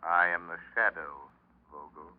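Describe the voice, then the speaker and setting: An actor playing a calm, mocking, menacing unseen avenger in an old radio mystery, speaking deliberately and theatrically. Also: male voice, deep voice, close to an everyday voice. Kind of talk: 1940s radio mystery acting. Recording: dull old radio recording.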